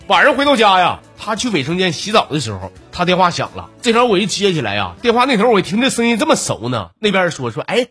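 A man's voice: high-pitched, huge pitch swings, fast talker, few pauses, pushed and bright, slightly rough, soft background music. A man in his thirties with a Northeastern Chinese accent, hosting a comedy podcast and telling jokes in a chatty, laughing way. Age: 30s. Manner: chatty, joking, laughs between lines. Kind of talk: storytelling jokes.

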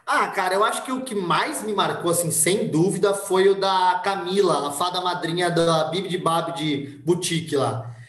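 A man from Brazil telling a personal story in casual conversation, with lively delivery and voices acted out for the people in it. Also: sits high, moderate pace, few pauses, reverberant. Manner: animated, acts out voices in anecdotes. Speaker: podcast guest.

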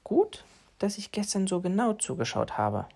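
A man's voice: high-pitched, sing-song, moderate pace, creaky, a little mellow, breathy edge, pitched above the performer's own voice, exaggerated voice. A man voicing a cheeky, greedy male house cat who grumbles to himself in a bedtime story. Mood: grumbling.

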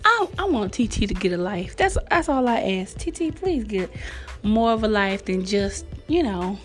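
A woman hosts her podcast in a loose, chatty way, teasing and laughing as she goes. Her voice sits at a middle pitch, with soft music faintly under her. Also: sing-song, normal speed. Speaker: podcast host. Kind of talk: casual motivational chat.

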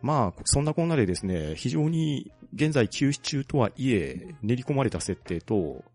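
A man co-hosting a podcast, explaining a topic calmly and methodically. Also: medium pitch, normal speed, husky, faint music behind. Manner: explains at length, calm and methodical. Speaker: podcast co-host presenting a local hero. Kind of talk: casual chat.

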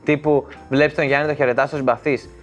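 A man's voice: fairly high pitch, flat delivery, lo-fi sound, soft background music. A young man joking and laughing in a casual chat among friends.

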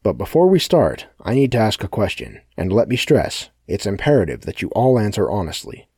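A man doing a loud menacing ringleader. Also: lowish voice, wildly swooping pitch, a little fast, slightly rough, no room sound, studio quality, heavily acted. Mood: commanding. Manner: loud, theatrical, projecting. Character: commanding menacing male ringleader.

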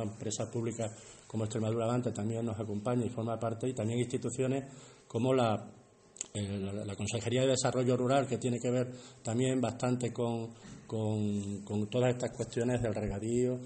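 Male event host, accent from Spain, dark relaxed tone, improvised formal address with repeated words, slight background noise. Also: mid-range voice. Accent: Spanish, from Spain. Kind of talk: semi-improvised public welcome speech.

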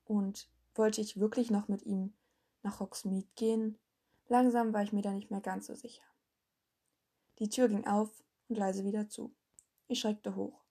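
A woman narrates a fan-written story in the first person, steady and earnest. Her voice has a gravelly, husky texture with a mellow, dark tone. She reads as host of her own audiobook podcast. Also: mid-range voice, unhurried. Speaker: fanfiction reader, podcast host.

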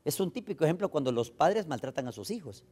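Emphatic Salvadoran preacher, fairly high voice. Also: male voice, sing-song, fast, breathy edge. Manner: emphatic, swings between loud and soft, keeps addressing "brothers". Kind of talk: sermon.

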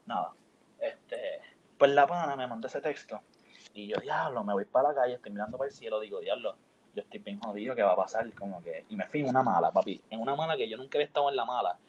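A man's voice: mid-range voice, fast, breathy edge, muffled recording. A young man, telling a story in slangy, emotive casual chat as a podcast host. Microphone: headphones on, studio mic.

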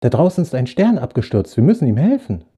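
A man's voice: mid-range voice, big pitch swings, quick pace, dark tone, breathy edge. A man voicing an eager little boy in a spoken Christmas story, urgent and pleading.

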